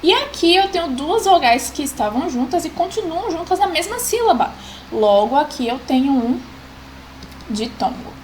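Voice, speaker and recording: A woman's voice: high voice, big pitch swings, moderate pace, a little hiss or hum, low-quality recording. A woman, patiently explaining a grammar lesson as a teacher and often checking in with the class.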